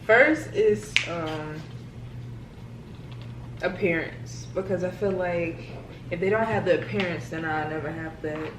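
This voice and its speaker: A woman's voice: on the low side, a little slow, long pauses, echoey room, distant mic, noisy background. Laid-back woman guest, off-mic. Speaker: guest friend. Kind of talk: casual chat.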